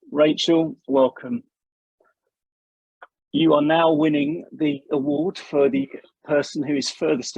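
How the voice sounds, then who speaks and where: A man's voice: mid-range voice, creaky, darkish tone, husky, no room sound, lo-fi sound. A man hosting a webinar, chatty and welcoming, joking lightly with his guests over a video call. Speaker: webinar host. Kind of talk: casual webinar welcome chat.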